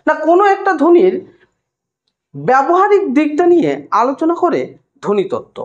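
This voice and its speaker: A woman tutor with a West Bengal Bengali accent explains a lesson step by step to her students and sounds out single sounds slowly. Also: high voice, huge pitch swings, lo-fi sound. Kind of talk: recorded lesson lecture.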